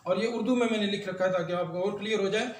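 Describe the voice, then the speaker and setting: This is a man, teaching English long vowels in a slow, repetitive way. He draws out each vowel and says the example words over and over. The recording sounds roomy and echoey, with a faint hum underneath. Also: high-pitched. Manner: explains slowly, drawing out and repeating example words. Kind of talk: recorded phonics lesson.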